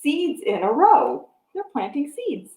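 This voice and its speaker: For young children, a middle-aged American woman hosts storytime as a children's librarian, reading a picture book aloud and talking about a craft with simple explanations and questions to the listener. Her pitch swoops in a lively way, and she's unhurried. The sound is roomy, from a device mic roughly arm's length away in a home room with a wooden floor and a piano.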